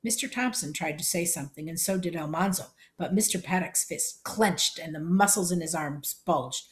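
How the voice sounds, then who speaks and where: A woman reading a storybook chapter aloud in plain, steady narration. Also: fairly low pitch, moderate pace.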